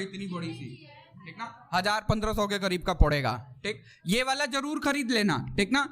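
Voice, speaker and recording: High-voiced male physics teacher. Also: a bit bright. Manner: chatty, repeats "theek na", scolds and teases students. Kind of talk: classroom lecture. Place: classroom with students.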